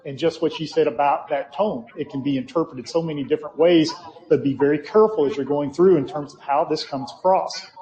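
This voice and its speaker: A man's voice: a little high, a little mellow. A man lecturing informally at a conference, joking with the room. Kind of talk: conference talk. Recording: echoey, dull hall sound.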